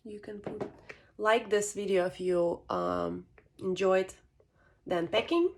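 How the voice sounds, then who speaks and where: A woman who sounds a little sick narrates a casual unboxing, softly and hesitantly, often dropping into a near-whisper. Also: medium pitch, huge pitch swings, slow pace. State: sick, throat often needing clearing. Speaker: vlogger unboxing a purchase.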